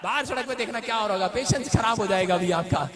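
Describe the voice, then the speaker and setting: High-voiced preacher rousing a church crowd. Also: male voice, quick pace. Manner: animated storytelling, mixing in English words; rises to shouts to rouse the crowd. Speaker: pastor. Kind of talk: sermon. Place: church before a live congregation. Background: congregation responding.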